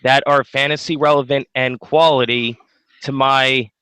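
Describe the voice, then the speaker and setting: A man's voice: mid-range voice, fairly even intonation, moderate pace, pushed and bright, clear, resonant tone, dry recording, low-quality recording. A man in a heated, casual fantasy football argument, interrupting and swearing freely. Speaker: fantasy league player.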